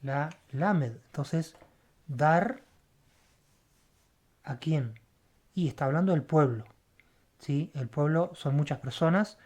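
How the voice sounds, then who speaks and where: In a word-by-word Bible language lesson, a Hebrew teacher spells out letters, repeats sounds, and checks in with a questioning "right?" after each step. The voice is mid-range and darkish with a breathy edge, moving slowly with frequent pauses.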